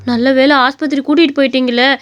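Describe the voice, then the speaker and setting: A woman's voice: sits high, fairly even intonation, fast talker, muffled recording, faint music behind, close to an everyday voice. A woman voicing a selfish young daughter-in-law who talks bluntly and dismissively. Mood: concerned.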